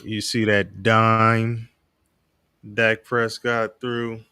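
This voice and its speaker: A man's voice: on the low side, flat delivery, extremely slow, bright, forceful tone, smooth. A man co-hosting a casual sports podcast, laid-back and questioning. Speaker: podcast co-host.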